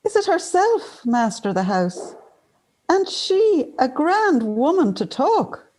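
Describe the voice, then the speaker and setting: A man's voice: very high-pitched, very animated, slow, a little mellow, pitched above the performer's own voice, exaggerated voice. A man voicing a nervous, humble wandering tramp in a play reading. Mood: wary, curious. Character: uneasy wandering male tramp, wary and humble.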